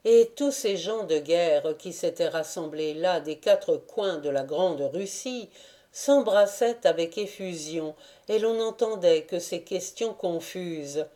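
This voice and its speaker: A woman narrating a classic novel as an audiobook in a measured, deliberate reading. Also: fairly low pitch, dark tone.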